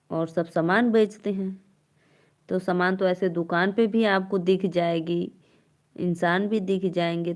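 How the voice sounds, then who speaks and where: A woman's voice: fairly low pitch, darkish tone. A young woman with an Awadhi accent hosting a folk-song live stream, chatting and teasing viewers and laughing often.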